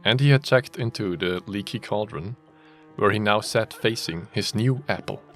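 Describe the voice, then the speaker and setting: During a group reading, a man with a lowish, fairly bright voice narrates a written story at normal speed, breaking off into casual, sweary banter and joking chat. Faint music plays behind him.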